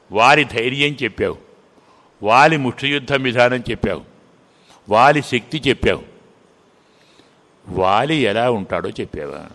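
A man voicing a calm divine male prince who patiently reasons and gently scolds. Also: medium pitch. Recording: reverberant hall.

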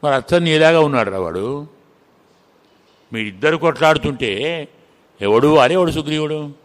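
A man voicing a calm divine male prince who patiently reasons and gently scolds. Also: on the high side, moderate pace, natural voice. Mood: calm reasoning. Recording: reverberant hall.

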